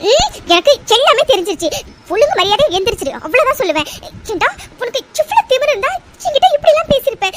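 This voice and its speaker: Anjali, a very high cartoon girl. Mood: scolding. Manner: pleading, then scolding and tearful. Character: young woman, devoted and fiery in love. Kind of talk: cartoon voice acting. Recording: noisy recording.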